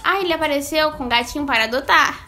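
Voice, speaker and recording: A woman with a Brazilian Portuguese accent casually telling a story to her viewers, animated and jokey, acting out the voices of the people she quotes. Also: sits high, fast, soft background music. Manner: animated, acts out quoted voices, jokes through sad moments.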